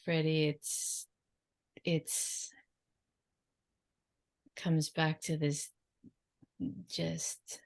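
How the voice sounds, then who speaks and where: A woman channelling in a trance like a seance medium, in halting, drifting phrases with long silences and a creaky, low voice. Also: monotone.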